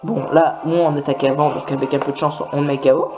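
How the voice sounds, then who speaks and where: A man's voice: a little high, little pitch movement, fast talker, over music. A man doing casual gameplay commentary, rambling along with many fillers and restarts. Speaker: video game let's player.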